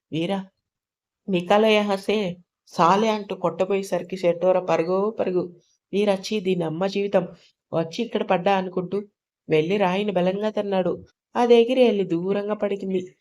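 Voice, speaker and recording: Woman storyteller, mellow dark voice, narrates a romance, voices all parts herself. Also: mid-range voice. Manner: reads all characters' dialogue in her own voice.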